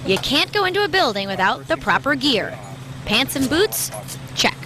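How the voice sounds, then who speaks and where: A woman's voice: sits high, big pitch swings, normal speed, background noise. A woman reporter reading scripted narration for a news feature.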